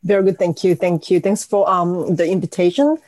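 Woman guest, lowish mellow voice, polite, hesitant fillers. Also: steady tone, a little fast. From South Korea. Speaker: guest, analytics executive. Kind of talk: podcast interview.

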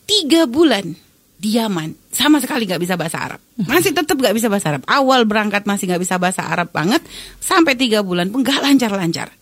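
A middle-aged woman giving Islamic advice in a conversational talk, speaking directly to the listener and telling lively personal stories. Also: medium pitch, fast, no room sound. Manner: direct, addresses listener as "Anda"; animated anecdotal storytelling.

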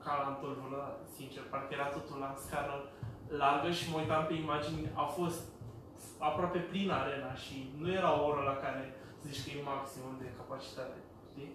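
A man excitedly recounting a festival in casual chat with friends. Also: fairly high pitch, noisy background. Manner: excited, animated storytelling. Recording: echoey room, mic far off.

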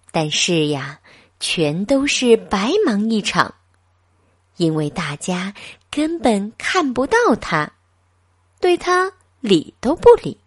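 Slow, lively woman storyteller. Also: medium pitch, husky, dry recording, studio quality. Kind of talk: children's story narration.

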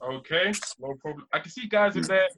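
A man's voice: a little high, fairly quick, background noise. A young man hosting casual football banter, informal and encouraging as he moderates. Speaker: host of a football draft.

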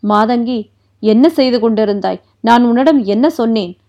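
A woman voicing a stern, harsh overseer of palace maids who scolds loudly, in a dull lo-fi recording. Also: fairly high pitch, normal speed, lightly acted. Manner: scolding, loud.

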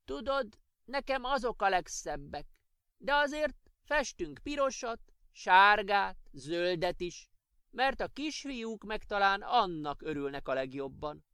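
A man voicing a gentle, patient old grandmother who soothes and explains things to her grandchild in a children's audiobook. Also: high voice, lively intonation, clean tone, no echo, clean studio sound, pitched above the performer's own voice, exaggerated voice. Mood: soothing.

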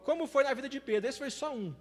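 A man preaching a sermon as an evangelist, impassioned, repeating phrases and swinging between loud declarations and quiet asides. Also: very high-pitched, fast, big-room sound.

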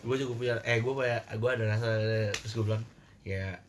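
A man's voice: mid-range voice, steady tone, quick pace, a little hiss or hum. A young man with telling a story in a casual podcast chat, flustered and swearing casually. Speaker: podcast co-host.

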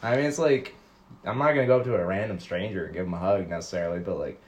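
A male guest in a casual conversation, talking in a rambling, halting way with constant fillers. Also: sits low, dull audio. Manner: rambling, halting, heavy use of "like". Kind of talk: casual chat.

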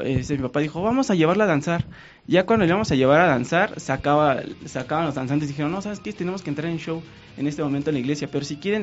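Animated Mexican man telling a story. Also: on the high side, dull audio. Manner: animated, acts out quoted dialogue. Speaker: guest painter. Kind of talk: casual storytelling.

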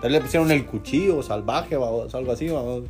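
A man's voice: mid-range voice, quick pace, music in the background. A man with a Guatemalan accent co-hosting a casual chat, joking and often talking straight to the listeners. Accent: Guatemalan Spanish. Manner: jokey, laughs often, addresses listeners. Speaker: podcast co-host.

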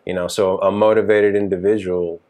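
Deep-voiced, laid-back musician from Texas. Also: male voice, normal speed. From Dallas, Texas. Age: 30s. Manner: relaxed, rambling, many fillers like "you know". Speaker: touring keyboard musician. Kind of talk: casual podcast chat.

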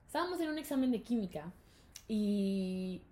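A young woman with a Mexican accent telling a school story in casual chat, lively and full of laughter. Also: normal speed. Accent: Mexican Spanish. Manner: animated, laughing, acts out quotes in high voices.

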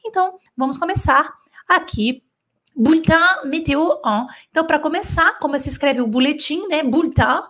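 A woman with a high voice runs a live French dictation lesson at a fairly quick pace. She explains patiently, moving between Portuguese and French examples, and stays animated, checking in with students often with "né?" and "d'accord?".

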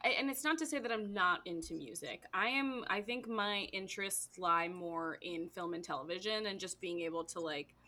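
A woman's voice: on the low side, moderate pace, few pauses, pushed and bright. A woman co-hosting a podcast, chatting casually and rambling with lots of "like". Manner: rambling, fillers of "like". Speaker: podcast co-host. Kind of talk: casual chat.

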